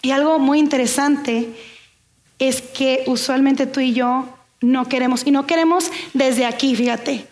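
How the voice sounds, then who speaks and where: A woman's voice: sits high, steady tone, unhurried. A young woman pastor, preaching a sermon in a conversational way and asking the congregation questions.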